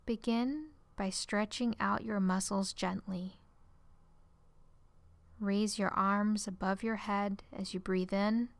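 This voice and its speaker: Slow, gravelly-voiced calm woman guide. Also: medium pitch, no room sound. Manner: calm and soothing, phrase ends trailing into a whisper. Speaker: relaxation guide. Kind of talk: guided relaxation script.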